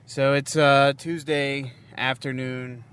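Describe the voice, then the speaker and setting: A man from West Virginia recording an informal, rambling audio diary in a halting, frustrated way. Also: medium pitch, little pitch movement. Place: sitting in a parked car. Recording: noisy field recording in a car.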